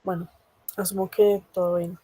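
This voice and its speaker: A woman teacher walks her class through a grammar lesson in a mellow, dark-toned voice. She pauses on frequent fillers and keeps asking whether everyone follows. The sound is close and dry. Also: on the low side, little pitch movement, no echo. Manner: patient, checks understanding often; many hesitation fillers. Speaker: language teacher.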